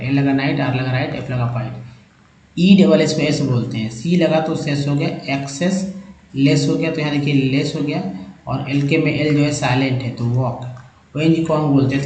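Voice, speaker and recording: A man's voice: medium pitch, a little mellow, reverberant, poor audio. A man teaching English reading from slides, spelling out letter groups and sounding out words in a repetitive drilling way. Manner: addresses viewers as friends, emphatic. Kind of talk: slide-based phonics lesson.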